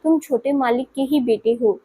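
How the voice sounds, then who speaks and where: A woman's voice: high voice, normal speed, mellow, breathy edge. A woman voicing a caring household auntie comforting a child in a spoken story. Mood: soothing. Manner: soothing, affectionate.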